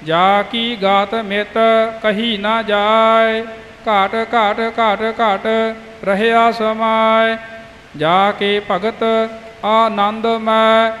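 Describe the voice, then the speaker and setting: A man singing devotional hymns in a slow, steady recitation. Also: high-pitched, long reverb tail, faint music behind. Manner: slow sung recitation of scripture. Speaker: kirtan singer. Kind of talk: devotional hymn chanting.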